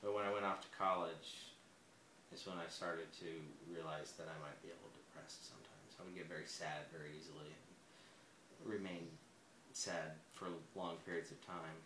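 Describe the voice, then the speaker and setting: Soft-spoken and hesitant, a very low-voiced man from the United States in his forties works through a personal interview with frequent pauses, fillers, and restarts. His tone stays steady. Echo and a faint room-noise hum fill the recording.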